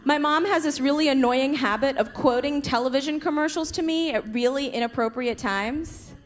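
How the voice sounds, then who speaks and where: A woman from the United States doing a stand-up set on a club stage, with punchy delivery and quick switches into parent voices. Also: high voice. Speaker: stand-up comedian. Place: comedy club stage with audience laughing. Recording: live club recording with crowd noise.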